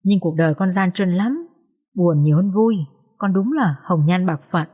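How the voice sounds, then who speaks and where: A woman's voice: lowish voice, normal speed, dark tone, breathy edge. Woman reading as a solemn old fortune-teller.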